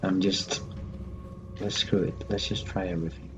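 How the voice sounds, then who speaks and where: A man's voice: sits low, flat delivery, normal speed, highs cut off. A man hosting a let's-play video, talking through the game in jumpy bursts, repeating phrases to himself and talking back to the game characters. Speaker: gaming channel host. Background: game music.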